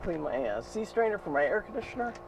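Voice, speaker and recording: This boat owner vlogger in his fifties has a high, sing-song voice with vocal fry and talks at a quick pace against a noisy background. Working in a tight engine room, he narrates a hands-on repair in plain, practical language full of fillers, thinking out loud. The sound comes from an engine-room action camera while the engine runs.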